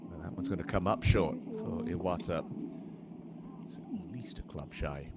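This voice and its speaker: A man working as a golf commentator, giving measured live play-by-play with short observations on each shot. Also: sits low, lively intonation. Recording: loud ambient noise throughout.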